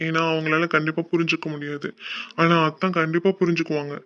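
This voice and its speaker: A man's voice: high voice, a little fast, fairly bright tone. A man voicing a caring older brother in a cartoon, coaxing and reassuring his sister. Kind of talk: cartoon voice acting. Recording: dull lo-fi audio.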